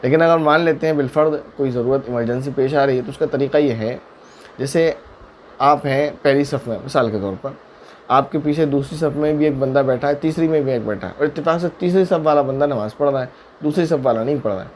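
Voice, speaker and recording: A man's voice: mid-range voice, darkish tone, a little hiss or hum. A man serving as a mufti who answers viewers' questions in a religious lesson. He explains each ruling patiently and step by step, using worked examples.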